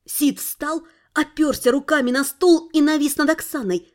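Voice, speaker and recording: A woman reading an audiobook, telling the story with lively irony. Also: high-pitched, normal speed. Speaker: audiobook narrator. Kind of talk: scripted narration.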